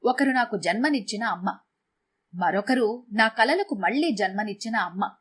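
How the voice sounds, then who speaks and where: A woman's voice: a little high, lively intonation, moderate pace, a bit bright, a little hiss or hum. A woman voicing a grateful young woman collector, heartfelt. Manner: earnest, heartfelt.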